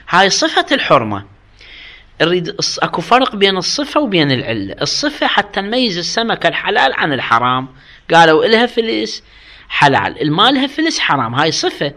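A man's voice: sits high, big pitch swings, quick pace, bright, forceful tone. A man with an Iraqi Arabic accent teaching a seminary jurisprudence lesson, reading out rules and explaining them with questions to his students. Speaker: religious studies teacher.

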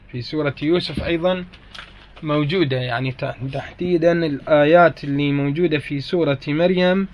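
Iraqi man teaching with a slightly high voice. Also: dry recording. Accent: Iraqi Arabic. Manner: explains point by point, repeats key phrases; corrects himself mid-sentence. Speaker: grammar teacher. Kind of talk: recorded grammar lesson.

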